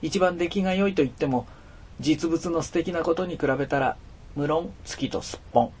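A man narrating a storybook in an expressive, dramatic storytelling manner with a husky voice. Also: fairly high pitch, normal speed, a little hiss or hum. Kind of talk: storybook reading.

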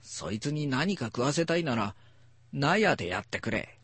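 A man voicing a grumpy, cat-hating husband who talks in a gruff, blustering way. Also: medium pitch, very animated, moderate pace, a bit bright, dry recording. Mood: grumbling.

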